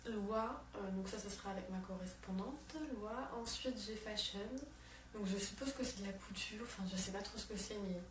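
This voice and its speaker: A woman's voice: medium pitch, normal speed. Chatty young woman, roomy and distant. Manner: chatty, many fillers and restarts. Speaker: exchange student vlogger. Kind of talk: casual chat to camera. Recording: roomy, distant mic, background music.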